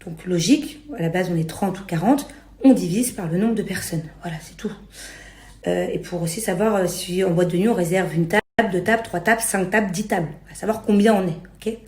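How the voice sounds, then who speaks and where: With a lowish, darkish voice and a slightly fast pace, a young French reality TV personality talks casually to her followers. It's an exasperated, self-justifying rant in everyday slang, captured with echo from the room.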